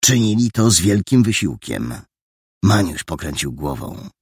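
A man narrating a story aloud in an expressive reading style. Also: low-pitched, measured pace, breathy edge, dry recording, clean studio sound. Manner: expressive reading with many character voices. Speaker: audiobook narrator.

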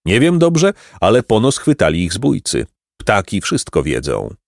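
A man voicing a gentle, merry old hermit. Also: fairly low pitch, huge pitch swings, a little slow, creaky, no echo, studio quality, voice pushed up, heavily acted. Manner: gentle, sweet-voiced, chuckling. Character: kindly ancient male hermit, wise and merry. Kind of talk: storybook reading.

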